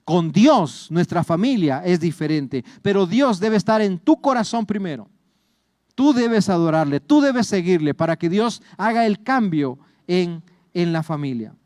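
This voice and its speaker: Salvadoran man, middle-aged pastor, earnest sermon delivery, high-pitched voice, dry close sound. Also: lively intonation, measured pace, a little mellow, no echo. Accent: Salvadoran Spanish. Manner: earnest, repeats words and addresses listeners as brothers.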